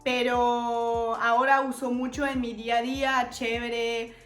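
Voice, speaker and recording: A high-pitched French woman in her twenties, a native French speaker, talks casually and playfully to her camera. Her voice rings in an echoey room, with faint music playing underneath. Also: flat delivery, unhurried, fairly bright tone. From France. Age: 20s. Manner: chatty, giggly, playful. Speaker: vlogger.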